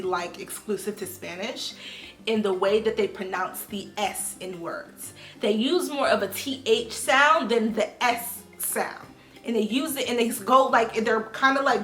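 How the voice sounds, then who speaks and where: A young woman talks casually to her camera in a slangy, animated way. She jumps from loud, emphatic bursts to soft, trailing asides. Her voice sits in the middle of the usual range, and the room is echoey, with faint music playing underneath. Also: medium pitch. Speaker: vlogger.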